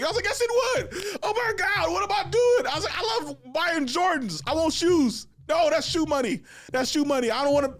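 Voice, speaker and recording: A podcast host in his thirties tells stories in a casual chat, joking and using slang, often laughing, with his pitch jumping high when he gets excited. The recording is dry.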